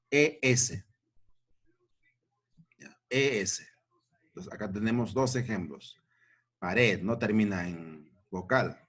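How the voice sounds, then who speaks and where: Slow, patient male grammar teacher. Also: medium pitch. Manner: slow, repeats points and checks with "¿ya?". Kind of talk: grammar lesson for children.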